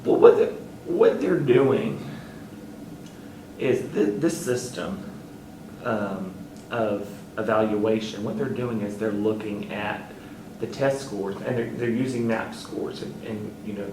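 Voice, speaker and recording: A man who sits on a school board, answering interview questions earnestly and haltingly, with fillers, and turning emphatic. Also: on the low side, lively intonation, echoey room, far from the mic, background noise.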